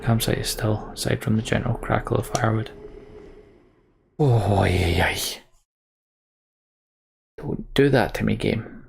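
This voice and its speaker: A man with a fairly low, husky voice and vocal fry speaks unhurriedly and pauses often. As a let's player, he reads a video game's story aloud dramatically while commenting on the gameplay, dropping casual, mildly sweary asides.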